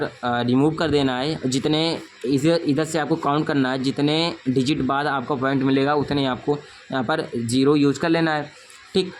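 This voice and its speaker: Casting: young male tutor, slightly high voice, patient and repetitive, faint background hiss. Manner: repeats "thik na" often, addresses students as dear children. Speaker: math teacher. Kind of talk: explaining a school math lesson.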